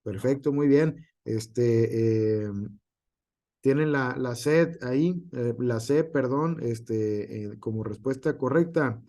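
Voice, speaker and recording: A man's voice: medium pitch, slow, dark tone. A male teacher gives an online class, with frequent hesitations and filler words.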